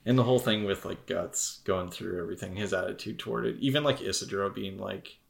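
Gravelly low-voiced man co-hosting a podcast. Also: a little fast, slight background noise. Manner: rambling, jokey, trails off. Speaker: podcast co-host. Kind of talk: casual chat.

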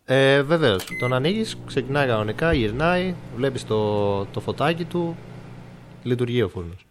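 A man narrating as game master of a mystery podcast game, describing a room with steady pacing and small fillers. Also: medium pitch, noisy background.

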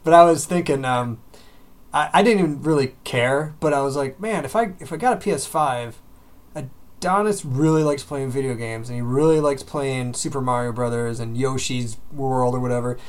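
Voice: medium pitch, normal speed. A speaker in casual chat among friends, laughing often and swearing freely.

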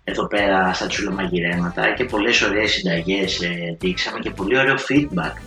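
Cooking-channel host, male, chatty and slangy, bright forceful tone, faint music behind. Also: deep voice. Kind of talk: casual chat to viewers. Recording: roomy echo with faint music.

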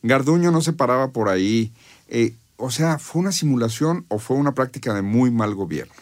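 A man's voice: medium pitch, expressive, moderate pace. A man with a Mexican accent offers conversational political analysis, explaining and arguing his points as a panel commentator. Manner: explanatory, argumentative.

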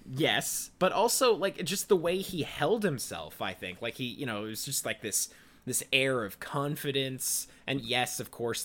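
A man's voice: medium pitch, a bit bright. A young man co-hosting a casual podcast, laid-back and rambling, tired and laughing often. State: tired and sleepy. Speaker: podcast co-host. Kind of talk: casual chat.

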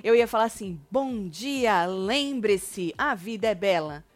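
A woman's voice: mid-range voice, expressive, slow pace. A woman with a Brazilian Portuguese accent co-hosting a casual chat, joking and mocking in a playful way. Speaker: co-host of a gossip channel.

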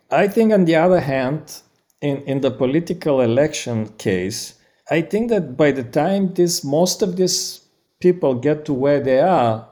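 A man with a slightly high, mellow voice and a Bulgarian accent answers interview questions as a guest researcher. He explains studies in an academic manner, using frequent fillers.

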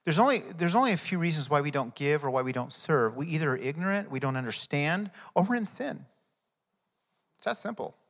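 Bright-voiced emphatic male preacher. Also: a little high, sing-song, brisk, in a large hall. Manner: emphatic, swells loud then drops to a soft prayer. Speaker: pastor. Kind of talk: sermon.

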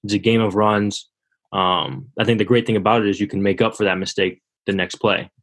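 A man hosting an interview, relaxed and casual, reading out listener questions. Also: fairly low pitch, a little fast. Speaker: podcast host.

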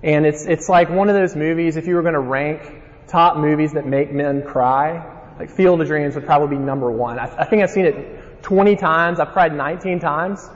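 Conference preacher, male, Alabama Southern accent, folksy delivery, slightly high voice, dull hall recording. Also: normal speed. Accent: Alabama Southern American. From Alabama, United States. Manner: informal, folksy. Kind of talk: sermon with scripture reading and personal storytelling. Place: large reverberant room, live talk. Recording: dull sound in a reverberant hall.

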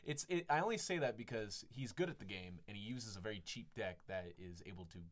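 A young man in his early twenties in a casual podcast chat, animated and quick to jump in with a laugh. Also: fairly low pitch. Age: 20s. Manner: animated, laughs often, jumps in.

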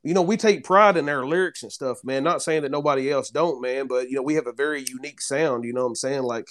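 A man's voice: mid-range voice, fast, fairly bright tone. A man from Kentucky with a Southern accent, a musician guest chatting casually on a podcast, drawling and dropping "man" and "you know" between thoughts. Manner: laid-back drawl, peppers talk with "man" and "you know". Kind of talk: casual chat.

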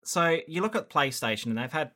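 A man in his thirties with a bright, forward voice talks games in a loose, casual chat. He wanders through his points, full of "um"s, "like"s and false starts. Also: a little high, big pitch swings, fairly quick. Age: 30s. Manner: rambling, many fillers and restarts. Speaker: podcast co-host.

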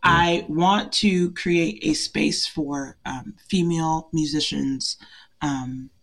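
A woman's voice: low voice, takes it slowly. Bubbly, giggly woman guest. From Portland, Oregon. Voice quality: bubbly, giggly, self-deprecating. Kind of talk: casual interview chat.

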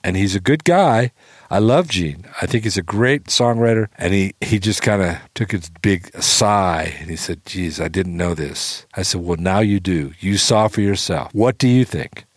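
A man's voice: lowish voice, moderate pace, dry recording, clean studio sound. A man casually telling a long anecdote, acting out quotes and swearing freely. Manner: animated storyteller, acts out quotes, swears freely. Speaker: storytelling guest.

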